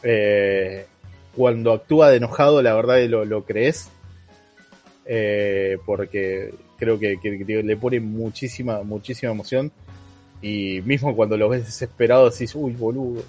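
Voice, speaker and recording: A man's voice: fairly low pitch, fairly even intonation, a little slow, darkish tone, soft background music. Rambling Rioplatense man reviewing a film. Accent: Rioplatense Spanish. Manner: rambling, slangy, many fillers and restarts. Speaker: podcast co-host. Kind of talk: casual film review chat.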